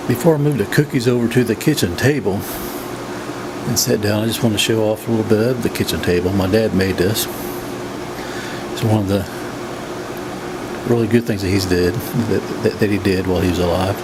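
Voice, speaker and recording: Low-voiced, folksy man with noisy background. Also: normal speed. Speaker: home cooking vlogger. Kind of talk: casual narrated cooking demonstration. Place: home kitchen, indoors. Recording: steady background room hum and noise.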